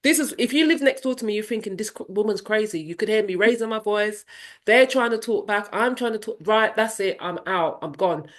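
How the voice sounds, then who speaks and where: A woman's voice: medium pitch, brisk. A woman in her fifties, a parenting coach, telling her personal story in an interview in a candid, reflective way and acting out family voices. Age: 50s. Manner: animated, acts out family dialogue in voices.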